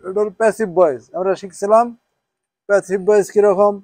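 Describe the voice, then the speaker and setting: High-voiced man teaching a class. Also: fairly even intonation, quick pace, darkish tone, dry recording. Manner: checks with students, asks "হ্যাঁ?" often; switches between Bengali and English, spells Arabic out. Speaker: Quran teacher. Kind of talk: informal class lesson.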